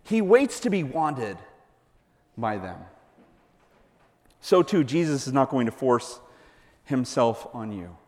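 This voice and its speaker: A man preaching a sermon, lively and playful, acting out the voices of the people in the story. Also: medium pitch, takes it slowly, pauses often. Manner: animated, playful, acts out voices of Bible figures. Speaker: pastor. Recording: long hall reverb.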